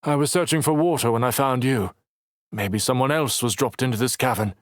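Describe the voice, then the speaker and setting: A man's voice: mid-range voice, brisk, dry recording, clean studio sound, pitched above the performer's own voice, lightly acted. A man narrating an audiobook voices an injured, determined man who talks earnestly, teases, and snaps back. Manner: earnest, teasing, snappish.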